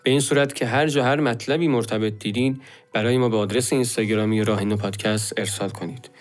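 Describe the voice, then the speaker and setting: A man's voice: medium pitch, fairly even intonation. A man hosting a podcast, speaking directly to listeners in a friendly, scripted way. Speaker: podcast host. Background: soft music.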